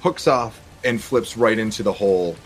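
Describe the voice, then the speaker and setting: A man's voice: lowish voice, moderate pace, a little hiss or hum. A man playing a tabletop game, eagerly asking about the rules and describing his moves. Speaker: player. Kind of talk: casual tabletop play.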